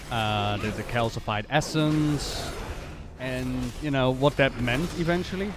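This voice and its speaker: A man giving casual live gaming commentary as a streamer, thinking aloud in a halting way with repeated words. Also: medium pitch. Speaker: game streamer.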